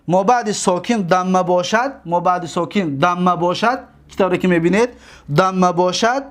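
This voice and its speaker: A man teaching a grammar lesson, repeating word forms slowly and asking his own questions. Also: high voice.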